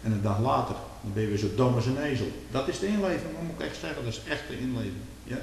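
A man preaching a sermon, fiery, swinging from quiet murmurs to loud outbursts. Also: medium pitch, expressive, quick pace, gravelly. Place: church. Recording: echoey church hall with hiss.

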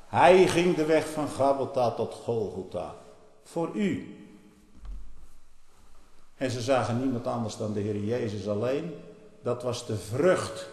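Brief: male preacher, fiery sermon, gravelly, swings from hushed to loud, roomy echo. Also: medium pitch. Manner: fiery, swings from quiet asides to loud outbursts. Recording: echoey hall with long reverb.

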